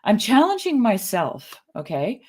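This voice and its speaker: A Canadian woman co-hosting a podcast tells a rambling personal story in casual chat, her mid-range voice dark-toned, measured in pace, and full of huge pitch swings. She's a chatty storyteller who restarts often and laughs frequently.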